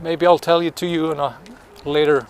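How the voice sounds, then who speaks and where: A man's voice: fairly high pitch, steady tone, a little fast. A man giving a live-streamed walking tour. He is sniffly from the cold and talks in a chatty way, greeting viewers by name and searching for words. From Iceland. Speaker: tour guide. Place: outdoors by a city pond in winter wind.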